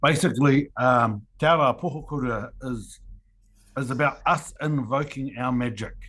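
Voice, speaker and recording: A New Zealand man presenting informally on a video call, speaking carefully and haltingly with a lisp and a whistling s. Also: medium pitch, fairly bright tone, breathy edge, poor audio. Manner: halting, careful speech after a tongue operation. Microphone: video call microphone.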